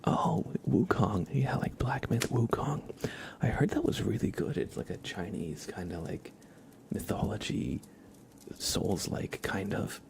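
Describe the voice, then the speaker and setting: A man's low-leaning, animated whisper carries a laid-back ASMR livestream, soft and breathy as he chats and wanders from topic to topic without hurry.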